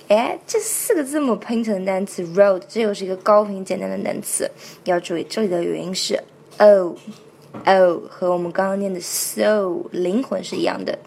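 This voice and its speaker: A woman teaching how to sing a song, explaining sounds in detail and repeating each word slowly several times to demonstrate. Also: mid-range voice, vocal fry. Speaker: singing and pronunciation teacher. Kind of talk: step-by-step song pronunciation lesson.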